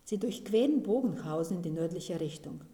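A woman, the author, reading her own story aloud in a calm, measured way. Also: on the low side. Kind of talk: literary reading. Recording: roomy reading recording.

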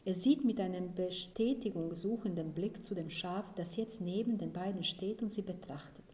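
A woman, the author, reading her own story aloud in a calm, measured way. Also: fairly low pitch, a little hiss or hum. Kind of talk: literary reading. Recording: roomy reading recording.

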